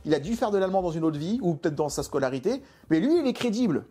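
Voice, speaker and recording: A man's voice: high-pitched, expressive, fast talker, music in the background. A man reviewing a film in an exasperated, emphatic way, full of rhetorical questions. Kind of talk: opinionated video film review.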